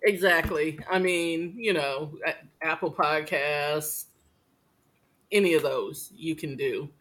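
Chatty and rambling, this fifties-aged female podcast co-host keeps breaking off and restarting her sentences. Her voice sits low with a slightly bright quality, and she speaks slowly in a casual conversation.

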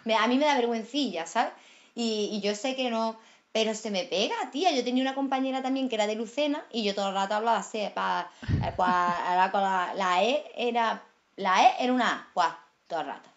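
A woman with a strong Andalusian accent tells stories in a casual chat, her voice sitting a little high. She is lively and laughs often. The recording is somewhat dull and lo-fi. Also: a little fast. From Andalusia, Málaga. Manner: lively storyteller, laughs often, says "tía" and "¿sabes?". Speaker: guest actress. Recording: dull lo-fi sound.

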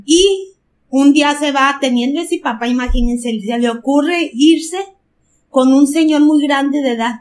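An older woman with a Mexican accent, telling a story at an unhurried pace in a casual podcast chat and repeating words for emphasis. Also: high-pitched, darkish tone, a little hiss or hum.

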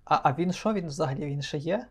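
A man's voice: fairly high pitch, quick pace, a little mellow, slightly rough. A man co-hosting a podcast, playful and rambling, often stumbling and restarting his words. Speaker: podcast co-host. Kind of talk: casual joking chat.

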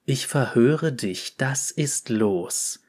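A man's voice: mid-range voice, expressive, drawn-out words, darkish tone, slightly rough, exaggerated voice. A man voicing a brash, violent female enforcer who taunts and threatens in a mocking, cocky way. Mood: taunting. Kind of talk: dramatic story reading.

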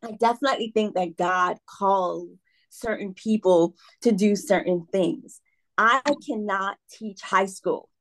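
A preschool teacher appears as a guest in a casual interview, speaking earnestly and enthusiastically and often checking in with "right?". Her voice is medium-pitched and a little slow, with slight background noise.

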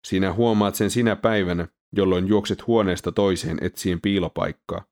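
Defiant ancient prophet, solemn and declaiming, read by a male narrator, very low pitch. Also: steady tone, darkish tone.

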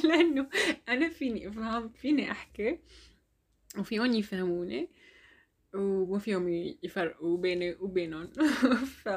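A young woman with an Algerian Arabic accent tells a personal story in a casual, chatty way, laughing often and slipping French words into her speech. Her voice is mid-range.

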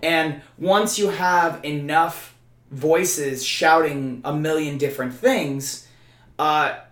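A man's voice: a little high, steady tone, slow, a bit bright. A man co-hosting a podcast in casual chat, stammering through restarts and talking emphatically. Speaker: podcast co-host. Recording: roomy echo.

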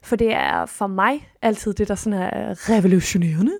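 A woman hosts her own podcast, talking casually and expressively, often restarting thoughts and sometimes swooping upward. Her voice sits at an everyday middle pitch. The sound is dry and close, with no room echo. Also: huge pitch swings, darkish tone. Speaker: podcast host. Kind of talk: casual solo podcast monologue.

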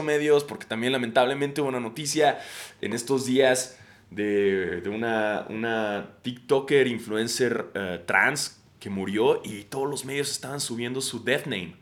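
A Mexican man in his thirties hosting a podcast, telling stories in an animated, slangy way and swearing freely. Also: mid-range voice. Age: 30s. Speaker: podcast host. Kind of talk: casual storytelling monologue.

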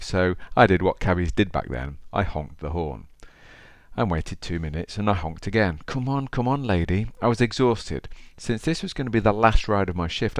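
With a low voice and no echo, this Derby man hosts a solo podcast in a chatty, informal style. He addresses the listener directly in his East Midlands English while talking and reading out a story.

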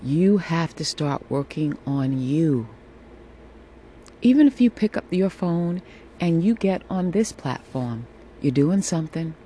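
Slow, sultry, mellow-voiced woman podcaster. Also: low-pitched, expressive. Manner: slow, sultry, reassuring delivery with drawn-out, repeated phrases. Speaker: podcast host. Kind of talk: casual solo podcast monologue, encouraging check-in. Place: room at home with air conditioning running. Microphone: phone. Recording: air conditioner hum behind voice. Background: faint air conditioning noise.

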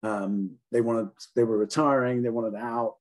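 A man raised in England speaks casually as an interview guest about leasing offices, heard over call audio. His medium-pitched, darkish voice stays fairly even, and his delivery is halting, full of ums and restarts.

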